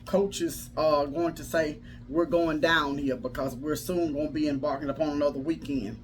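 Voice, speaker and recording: A woman's voice: sits low, steady tone, moderate pace. A woman speaks as a life coach hosting a casual livestream, with faint noise in the background. Her delivery is folksy and motivational, leaning toward preaching. She repeats phrases to drive her points home.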